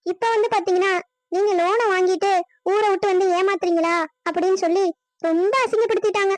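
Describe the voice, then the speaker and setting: Emotional, pleading village women in a cartoon, voiced by a woman. The voice is very high, almost childlike, and every line leans on feeling. The sound is dry and close, with no room around it. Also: fairly even intonation, fast talker, darkish tone, dry recording. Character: adult village women, sisters and wives. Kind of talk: cartoon dubbing.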